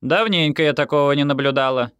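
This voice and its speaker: A man playing a deadpan armed woman officer. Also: fairly high pitch, fairly quick, smooth, no room sound, pitched above the performer's own voice, lightly acted. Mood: deadpan stern. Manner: flat, unimpressed, dry threats. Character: stern, deadpan woman security officer with a pistol. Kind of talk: audiobook character voice.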